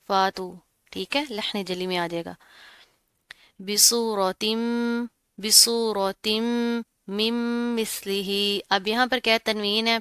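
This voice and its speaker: A woman giving a tajweed lesson, explaining rules patiently step by step and reciting words slowly with drawn-out sounds. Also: mid-range voice, a bit bright, clear, resonant tone, no echo, clean studio sound. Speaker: Quran recitation teacher.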